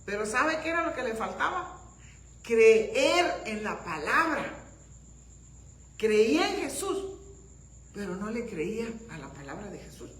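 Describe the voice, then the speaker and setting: A woman's voice: a little high, very animated, measured pace, long pauses. Fervent woman pastor preaching. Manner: fervent preaching, rhetorical questions to the congregation, bursts of shouting. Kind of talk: sermon. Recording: roomy echo.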